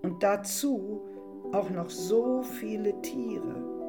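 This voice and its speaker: A woman voicing God as a patient, earnest male figure in a dramatized Bible story reading, speaking slowly and deliberately. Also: mid-range voice, over loud music. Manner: slow and deliberate.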